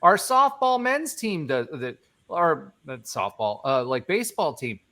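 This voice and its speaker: A man hosting a casual sports podcast, talking in an animated, joking, rambling way. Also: a little high, unhurried. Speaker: podcast host.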